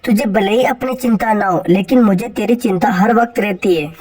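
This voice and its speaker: A woman's voice: medium pitch, normal speed, breathy edge, distant mic, natural voice, low-quality recording. A woman voicing a kind, reassuring middle-aged mother-in-law in a cartoon story. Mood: caring. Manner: warm, reassuring.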